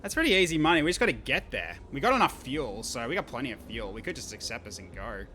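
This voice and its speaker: A man streaming a game, chatting and thinking aloud in casual commentary, quick to laugh. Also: mid-range voice, very animated, pushed and bright, faint music behind.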